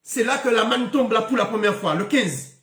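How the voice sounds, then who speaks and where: A man's voice: very high-pitched, normal speed, fairly bright tone, echoey room. A man giving a spoken Bible lesson, stopping often with fillers and repeated words. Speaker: Bible teacher.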